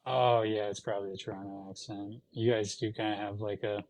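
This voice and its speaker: A man's voice: lowish voice, flat delivery, a little fast, darkish tone, dry recording, rough recording. A man hosting a livestream, chatting casually and joking playfully with his co-host.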